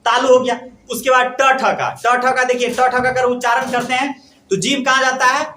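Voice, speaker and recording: A male teacher drilling a lesson, asking questions and answering them himself with steady repetition. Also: extremely high pitch, normal speed, slight background noise. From India. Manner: asks questions and answers them himself, repeating each point. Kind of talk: classroom grammar lesson. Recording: echoey room.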